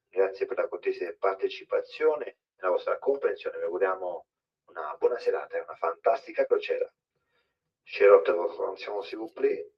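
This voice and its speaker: A man making a polite, formal announcement over a ship's loudspeaker. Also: lowish voice, slightly rough. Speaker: ship announcer. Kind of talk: formal public address announcement. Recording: distant muffled loudspeaker in a cabin.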